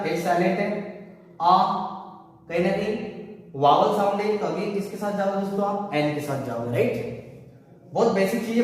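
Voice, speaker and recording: A man with a high voice teaches a grammar lesson, posing questions to the class and answering them himself. He is heard from a distance in a room with a long, ringing echo. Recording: echoey room picked up from far off.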